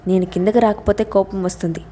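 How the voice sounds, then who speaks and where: A woman's voice: mid-range voice, steady tone, fast, mellow, slight background noise, lightly acted. A woman voicing a tense, flustered young wife in an audio story. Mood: anxious.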